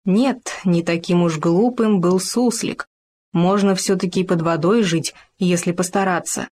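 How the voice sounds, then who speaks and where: A woman reading a children's story aloud in a lively, expressive storytelling manner. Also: lowish voice, unhurried.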